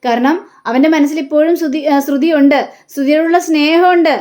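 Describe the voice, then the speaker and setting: A woman's voice: high voice, fairly even intonation, brisk, a little mellow, natural voice. A woman voicing a worried father who firmly reproaches his wife about their son. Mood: stern.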